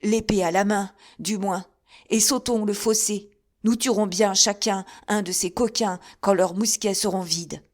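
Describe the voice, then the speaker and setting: A woman's voice: mid-range voice, steady tone, very slow, hardly any pauses. Woman reader doing an impetuous young nobleman, fiery, raised voice, audiobook. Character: hot-headed young nobleman, son. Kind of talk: audiobook character reading.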